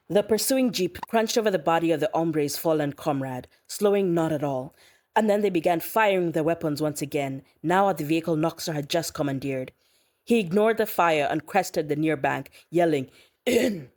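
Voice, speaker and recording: Woman narrator, lowish voice, measured audiobook reading. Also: darkish tone. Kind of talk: scripted narration.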